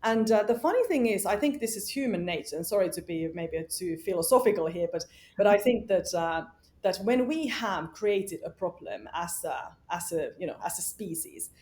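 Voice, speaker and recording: A woman who founded a company and serves as its CEO is a guest in a casual interview, speaking emphatically and outspokenly with lots of "uh" and "you know." Her voice is fairly low and a little mellow, with lively intonation and a moderate pace.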